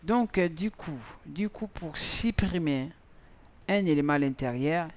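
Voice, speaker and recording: Slow, halting man teaching code. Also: on the high side, expressive. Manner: halting, repeats words, thinks aloud while typing. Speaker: programming teacher. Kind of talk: screen-recorded coding tutorial.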